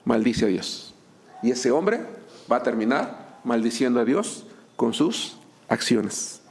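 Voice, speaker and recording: Gravelly-voiced pastor preaching. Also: male voice, medium pitch, expressive, slow pace. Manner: humorous, acts out couples' dialogue. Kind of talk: sermon.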